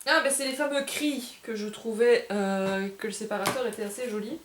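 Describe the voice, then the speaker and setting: Fairly high in pitch and at a normal speed, this woman hosts a relaxed game bar unboxing video. She chats as she handles the cards, hesitating and correcting herself along the way. The recording is roomy, with a faint hum of background noise.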